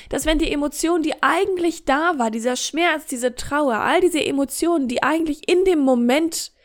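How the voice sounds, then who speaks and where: A woman hosting a podcast monologue, speaking straight to the listener in an encouraging, vivid way and acting out little scenes. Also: high-pitched. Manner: warm, encouraging, direct address. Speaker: podcast host, coach.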